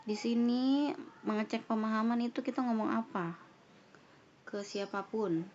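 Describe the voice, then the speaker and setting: Woman teacher for an online English lesson, reading lines slowly and then translating, with a dull, faintly noisy recording. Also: fairly high pitch, darkish tone. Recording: dull lo-fi sound with faint noise.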